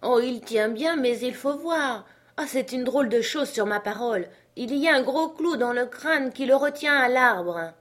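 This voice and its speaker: A woman voicing an excitable old male servant who is fearful and chatty, speaking with loud exclamations and pleading. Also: high-pitched, normal speed, hardly any pauses, pitched above the performer's own voice. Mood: alarmed.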